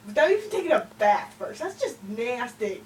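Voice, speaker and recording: A woman's voice: a little high, very animated, moderate pace, recorded from a distance, slight background noise. A woman putting on a home puppet show, playful and giggly.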